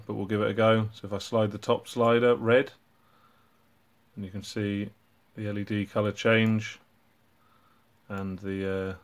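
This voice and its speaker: A robotics hobbyist who hosts a channel explains his own project in a low voice, casual and unhurried. He keeps his delivery level and even, often pausing on ums and uhs as he works through the details.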